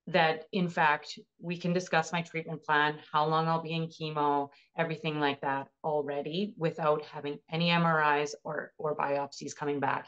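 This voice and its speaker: Woman in her 30s, really low voice, telling her story all earnest and emotional, kinda muffled audio. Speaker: cancer patient sharing her story. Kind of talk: personal storytelling interview.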